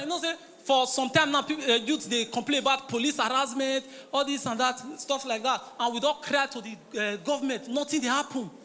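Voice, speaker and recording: A man with a Nigerian Pidgin accent doing stand-up comedy, telling stories and acting out the characters in them. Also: very high voice. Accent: Nigerian Pidgin English. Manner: animated storytelling, acting out characters. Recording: reverberant hall.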